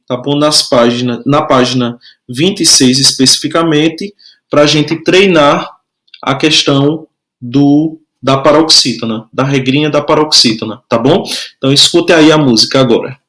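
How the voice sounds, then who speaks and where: A man's voice: fairly high pitch, a little slow, fairly bright tone. A man teaching a grammar lesson, explaining patiently and checking in often with his students.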